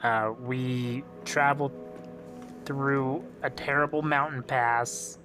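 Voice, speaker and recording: Slow, halting man at the game table. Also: mid-range voice, steady tone, over music. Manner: halting, hesitant. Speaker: player. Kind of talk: casual tabletop play.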